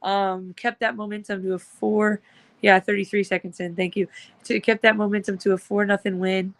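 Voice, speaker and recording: A woman's voice: mid-range voice, level tone, normal speed, gravelly. A woman talking casually as a guest, upbeat and rambling with lots of fillers. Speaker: guest, supporters' group organizer. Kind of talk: casual chat.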